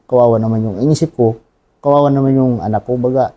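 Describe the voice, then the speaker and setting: A Filipino man in his thirties, a wounded soldier telling his war story in an interview, talking plainly and haltingly and often adding a polite "sir". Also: mid-range voice, steady tone, muffled recording. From Philippines.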